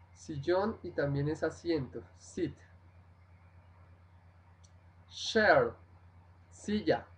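A man teaching English vocabulary on a livestream, slowly repeating each word and giving its translation. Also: on the high side, rough recording. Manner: slow, repeats each word, switches between languages.

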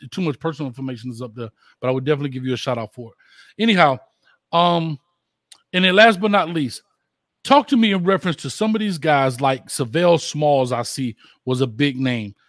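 A man's voice: a little high, fairly quick, a bit bright, dry recording, clean studio sound. A man hosting a casual sports talk show, blunt and slangy, teasing his guest and reading viewer comments aloud. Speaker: show host.

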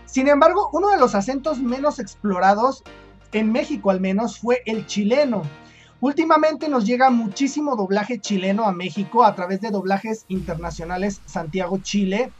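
A Mexican woman chats through her topic for her viewers, with a Mexican accent and casual fillers. Her voice sits slightly high, with soft music playing underneath. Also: moderate pace, lo-fi sound. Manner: chatty, thinking aloud with fillers. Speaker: video host. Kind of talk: casual explanatory commentary.

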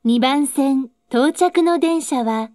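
A woman giving a formal train station announcement in measured set phrases. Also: sits high, mellow, dry recording, clean studio sound. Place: station platform public address system.

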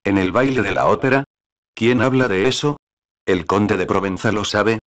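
A calm, warm-hearted king speaks with measured, reassuring authority in an audiobook. A man reads him in a deep, low voice. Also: lightly acted. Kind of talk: audiobook reading.

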